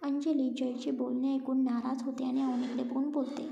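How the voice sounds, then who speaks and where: A woman reading a story aloud as narrator in a soft, half-whispered way. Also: high-pitched, level tone, normal speed, gravelly, slight background noise. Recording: roomy, muffled lo-fi recording.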